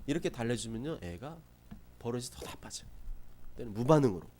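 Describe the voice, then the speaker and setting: Lively, mellow-voiced Korean pastor preaching. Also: male voice, medium pitch. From South Korea. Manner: lively preaching, acts out scolding parents in quick asides. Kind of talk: sermon. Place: church sanctuary.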